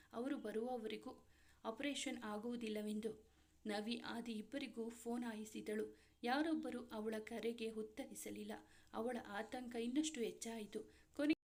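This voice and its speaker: A woman storyteller reading a serialized romance story aloud in steady, dramatic narration. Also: fairly high pitch.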